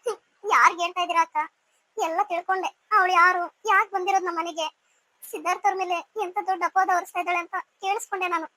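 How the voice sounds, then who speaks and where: Give me a woman playing a loyal young wife in a cartoon story, high and bright. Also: steady tone, fast talker. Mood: distressed. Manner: pleading, earnest. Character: devoted distressed young wife. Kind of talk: cartoon serial voice acting.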